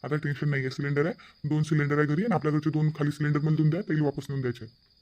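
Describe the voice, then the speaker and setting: A man voicing a middle-aged father in a cartoon, steady and reasoning. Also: a little high, racing, close to an everyday voice. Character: calm middle-aged father, firm head of house. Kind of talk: cartoon voice acting.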